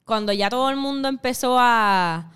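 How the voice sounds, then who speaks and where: Lively young female guest, smooth voice, raised pitch. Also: moderate pace. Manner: animated, swearing, laughing often. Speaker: guest, musical theater actress. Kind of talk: casual interview chat.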